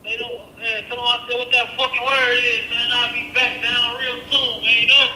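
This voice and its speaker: High-pitched man on a prison phone. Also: flat delivery, moderate pace, bright, forceful tone. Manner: slangy, clipped street talk. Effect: prison phone call. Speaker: caller from jail. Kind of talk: casual call with a friend. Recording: echoey jail phone line with faint noise.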